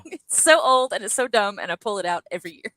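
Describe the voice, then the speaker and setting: A woman with a bright, forceful voice chats casually as a co-host and laughs easily. The sound is dry and close, with no room behind it. She is in her forties. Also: medium pitch, lively intonation, fairly quick, dry recording. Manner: giggly, laughs often. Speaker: podcast co-host. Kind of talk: casual chat.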